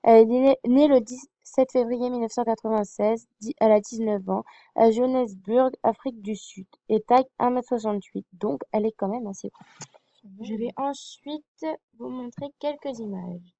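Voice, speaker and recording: Speaking at a normal speed, a young woman with a mellow, higher-pitched voice walks her viewers through a TV series. It's a casual fan vlog, dry with no room sound, and she's hesitant, full of fillers and apologies.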